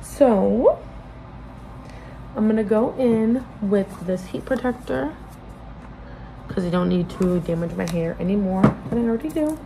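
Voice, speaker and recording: A woman vlogger chats to her phone camera in a casual get-ready-with-me video, rambling informally and interrupting herself. Her mid-range voice is animated yet dark-toned, at a measured pace with vocal fry and long pauses. The phone is propped at arm's length in a small, bedroom-like room, and the recording is noisy.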